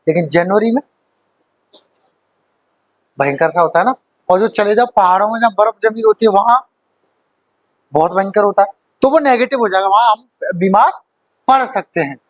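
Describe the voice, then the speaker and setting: A man's voice: sits high, no room sound. A man teaching English grammar in a live online class, in a chatty, joking way with many rhetorical questions and checks that students follow.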